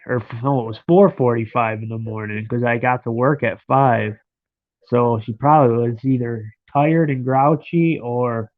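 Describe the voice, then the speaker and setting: This medium-pitched man, nose clearly stuffed up, is in bed at home chatting with viewers on a casual phone live stream, rambling on and addressing them by name. There's no echo; the sound is dry and lo-fi, like a phone.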